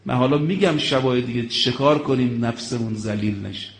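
A man's voice: mid-range voice, roomy sound. A man preaching a religious sermon, telling stories dramatically, acting out the quoted speech and rising to emphatic exclamations.

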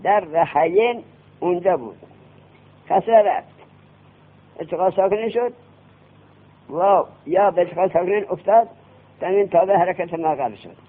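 A man teaching a classroom grammar lesson, quizzing his students with quick questions. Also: high-pitched. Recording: tinny lo-fi classroom recording.

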